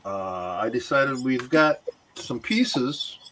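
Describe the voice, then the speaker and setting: A man's voice: mid-range voice, expressive, slow pace, a bit bright, a little hiss or hum. A man chats on a casual livestream, explaining what he is working on. He is talkative and loose, filling his sentences with fillers. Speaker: woodworker guest.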